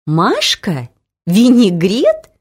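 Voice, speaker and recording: A woman's voice: medium pitch, very animated, moderate pace, darkish tone, breathy edge. A woman reading the lines of a bold, practical young female friend in an audiobook story. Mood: brisk.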